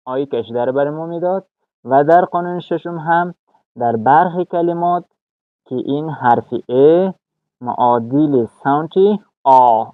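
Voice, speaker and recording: A man teaching English vowel sounds, speaking slowly with many "uh" fillers and repeating each example word. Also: mid-range voice, no room sound, narrow, tinny audio. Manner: slow, halting, with frequent "uh" fillers. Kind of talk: pronunciation lesson.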